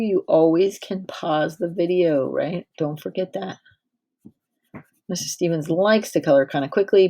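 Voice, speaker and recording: A woman teacher in her thirties, with a fairly low, mellow voice, leads a directed drawing lesson for young children. She is patient and encouraging throughout.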